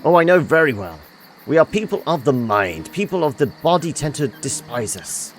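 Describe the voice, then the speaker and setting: A man reading game dialogue aloud as an earnest, courtly admirer who flatters with old sayings. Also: fairly high pitch, normal speed, a little hiss or hum, pitched above the performer's own voice. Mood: admiring. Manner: flattering, proverb-quoting. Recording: music behind the voice.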